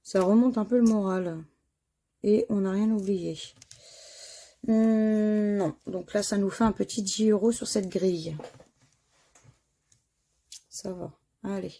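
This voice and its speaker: A woman with a gravelly, husky voice talks slowly through her scratch tickets. Her tone is dark and mellow as she spells out letters one by one and sighs at the misses in casual commentary. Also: medium pitch. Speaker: scratch card vlogger.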